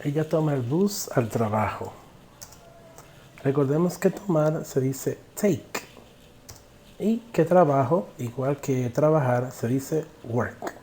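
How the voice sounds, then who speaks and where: A man teaching an English grammar class in a recorded online lesson. He asks the viewer questions and then says each English example sentence slowly and carefully. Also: medium pitch, expressive, warm tone, slight background noise.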